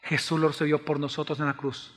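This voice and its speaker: A Salvadoran man preaching a passionate sermon as pastor, swinging between loud exclaims and hushed pleas. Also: a little high, level tone, brisk. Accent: Salvadoran Spanish. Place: church sanctuary. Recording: long church reverb.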